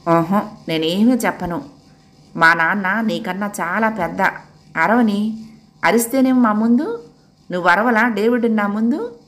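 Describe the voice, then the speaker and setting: A woman's voice: medium pitch, expressive, unhurried, long pauses, close to an everyday voice. A woman voicing a grown woman who confides in an old friend, reproachful and teasing.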